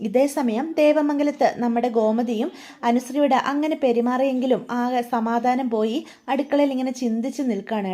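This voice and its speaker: A woman's voice: a little high, warm tone. A woman retelling a serial story in a chatty way, often addressing her listeners directly.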